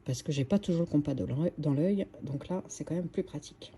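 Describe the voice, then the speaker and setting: A woman's voice: deep voice, brisk, warm tone, breathy edge. A woman hosting a screen-recorded craft tutorial, chatty and hesitant, with many fillers and restarts.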